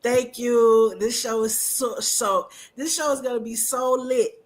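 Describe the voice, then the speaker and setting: A woman's voice: fairly high pitch, steady tone, unhurried. Hyped woman podcast host. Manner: hyped, encouraging. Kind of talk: casual podcast interview.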